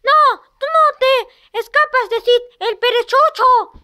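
A woman voicing a bright, shrill, taunting cartoon bully. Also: unhurried, a little hiss or hum, exaggerated voice. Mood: menacing, taunting. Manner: taunting, mocking threats. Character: Sid, a menacing boastful cartoon bully. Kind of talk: amateur cartoon dubbing.

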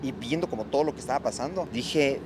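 A man in his thirties with an Ecuadorian accent, answering in a grateful, laughing way with halting restarts, outdoors into a handheld mic. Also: mid-range voice, background noise. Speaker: director, guest. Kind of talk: interview answers. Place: city street outdoors. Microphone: handheld microphone held by interviewer.

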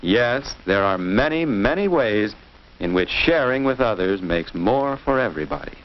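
The voice here belongs to an American man, on the low side and animated, moving at normal speed. He narrates a scripted 1950s children's instructional film didactically, asking questions of his young audience, and the old soundtrack sounds muffled and noisy.

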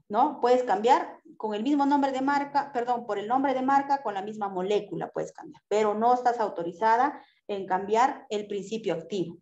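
A woman teaches pharmacy customer service in an animated lecture, often checking in with her listeners. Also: a little high. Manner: animated, acts out customer exchanges, tag questions. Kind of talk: lively lecture with acted examples. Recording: echoey room, dull lo-fi sound.

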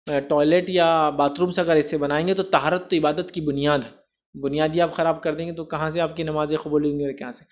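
In a religious Q&A lecture, a man with a high, steady voice answers viewers' questions on Islamic rulings. His manner is explanatory, with English words mixed into Urdu and frequent "right?" checks for understanding.

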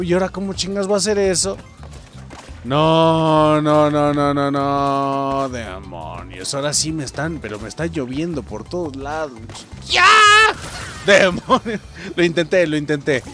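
A young Mexican man narrates his own gameplay, and his fairly high voice swings all over the place as he yelps and curses at each mistake. Game music plays faintly behind him. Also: vocal fry. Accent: Mexican Spanish. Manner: excitable, swears and yelps at mistakes, talks to viewers. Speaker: gameplay streamer. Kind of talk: casual let's-play commentary.

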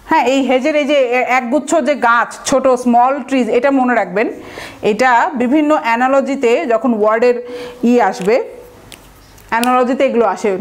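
High-pitched Bangladeshi woman teaching vocabulary. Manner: explanatory, repeats key words, mixes in English terms. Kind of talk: recorded online lecture.

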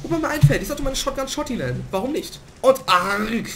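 A young man talks through his gameplay in a lively, up-and-down voice that is a bit hoarse from a cold. He gets loud and excited in bursts, and a faint noise sits under the recording. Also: extremely high pitch, fairly quick. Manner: excitable, swings to loud outbursts and laughter. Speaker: gaming let's player. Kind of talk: casual let's play commentary.

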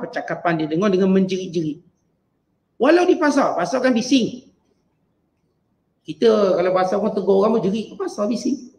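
A man with a Malaysian Malay accent teaching a Quran exegesis lesson, chanting Arabic verses slowly and then explaining them in lively everyday speech. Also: sits high, reverberant, poor audio. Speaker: religious teacher.

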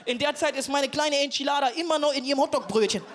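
High-voiced self-mocking stand-up comedian. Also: male voice, fast. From Duisburg, Germany. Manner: rambling, self-mocking, chatting with the audience. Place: stage before a live audience. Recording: live show with audience and noise.

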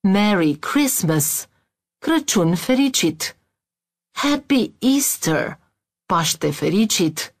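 A woman reading a scripted audio language lesson, saying each English word slowly and deliberately and then its translation. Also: medium pitch, big pitch swings. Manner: reads English words then Romanian translations. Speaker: language teacher.

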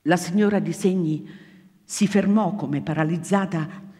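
A woman actress reading a novel aloud to an audience, measured and expressive, her voice falling soft at pauses. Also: lowish voice. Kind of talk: literary reading before an audience. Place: small theatre foyer hall. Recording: live in a reverberant theatre room.

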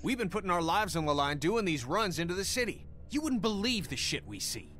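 An actor playing a blunt, confrontational middle-aged survivor father, argued in a slow, lively voice. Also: high voice, full character voice. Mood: heated. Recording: game audio with faint music.

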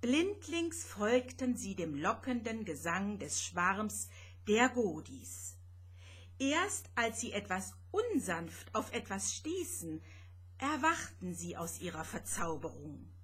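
Slow, breathy woman reading a children's story. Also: medium pitch, big pitch swings. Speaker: author reading her own story.

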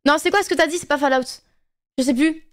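A woman's voice: high-pitched, quick pace. A young woman streaming a game, chatting casually and laughing with friends. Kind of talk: casual gaming chat with friends.

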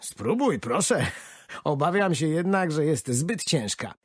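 A man playing a cheerful storybook grandfather, older man, hearty, raised pitch, dry sound. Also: big pitch swings, measured pace, slightly rough, no echo, exaggerated voice. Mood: good-humored. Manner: hearty, exclaiming, teasing. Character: cheerful energetic old grandfather.

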